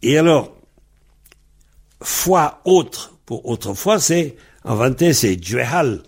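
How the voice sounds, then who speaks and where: A man's voice: medium pitch, big pitch swings, takes it slowly, creaky, darkish tone, breathy edge. A man giving a patient lesson on Breton pronunciation, spelling out words letter by letter and comparing dialect variants. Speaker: Breton language teacher.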